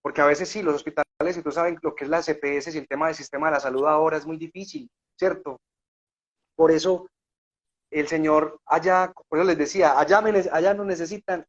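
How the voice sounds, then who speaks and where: A fervent man with a Colombian accent tells his story in a slightly high voice, earnest and emotional, often turning to his listeners for agreement. The recording is a little dull and lo-fi. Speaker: guest sharing a faith testimony. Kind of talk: conversational storytelling.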